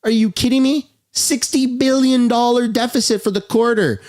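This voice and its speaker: A man's voice: very high-pitched, fairly even intonation, moderate pace, a little mellow. A man in his thirties giving angry, sarcastic reaction commentary, swearing and switching between outbursts and mutters. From Canada. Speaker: political commentator.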